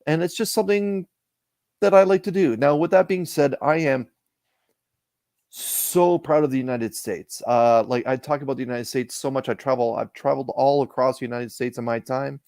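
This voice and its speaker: A Canadian man talks casually as a live-stream guest, circling back and restarting his sentences as he goes. His voice sits at a middling pitch. The sound is dry and close, with no room echo. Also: moderate pace, darkish tone. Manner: rambling, repeats and restarts words.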